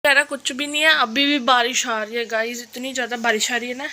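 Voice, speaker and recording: A young woman vlogging casually at home with a cold and sore throat, rambling and repeating herself, moving between indoors and a rainy terrace. Her voice is fairly high, steady, fairly quick, pushed and bright. Rain can be heard in the background.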